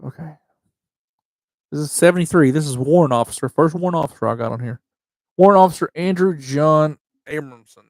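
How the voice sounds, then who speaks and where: A man hosting a casual livestream, reading memorial entries in a halting way with slightly slurred speech, often restarting words and reading dates slowly. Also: fairly high pitch, darkish tone, dry recording. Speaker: livestream host.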